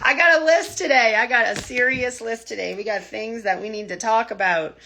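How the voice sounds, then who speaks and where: A woman hosts her weekly livestream news brief from inside a tiny house, chatting casually, laughing often, and greeting viewers by name. Her voice is fairly high and brisk with a sharp tone, and there's slight background noise.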